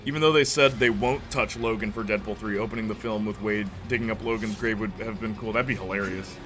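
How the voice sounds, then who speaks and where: A man's voice: lowish voice, steady tone, brisk, over music. A man streaming a game, chatting casually with viewers and joking around. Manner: joking, chatty, laughs often. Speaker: gaming streamer. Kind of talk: casual chat while playing a game. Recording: noisy background hiss.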